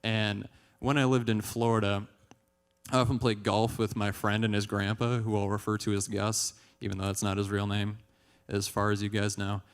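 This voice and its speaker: A young man performing a stand-up comedy set on stage, deadpan and chuckling at his own jokes. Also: lowish voice, moderate pace, clean tone. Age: young adult. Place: stage in a large hall. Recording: live hall with long reverb.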